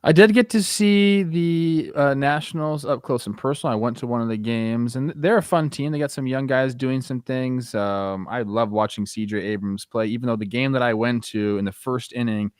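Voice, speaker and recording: A man's voice: mid-range voice, clean tone, dry recording, clean studio sound. A man co-hosting a sports talk show, discussing the game in an informal, conversational way. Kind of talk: casual baseball discussion.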